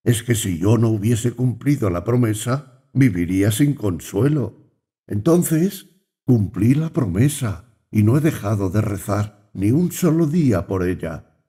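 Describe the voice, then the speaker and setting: Earnest, skeptical brother, as a male reader puts him on: low, measured. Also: expressive, dark tone, husky. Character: doubting young man, earnest brother. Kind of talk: audiobook reading.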